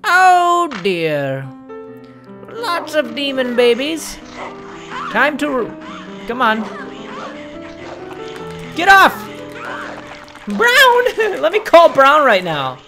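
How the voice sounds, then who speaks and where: A woman doing let's play commentary on a horror game, swearing and shouting at enemies and coaxing her dog companion. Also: high-pitched, huge pitch swings, very slow, long pauses, faint music behind. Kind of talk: gameplay commentary.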